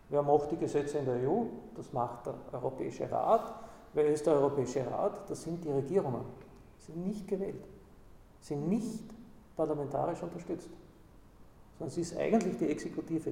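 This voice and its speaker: A man's voice: fairly high pitch, gravelly, mellow, slight background noise. A man speaking discursively about politics and often checking in with "Ja?". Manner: discursive, tags points with "Ja?". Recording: roomy hall with long echo.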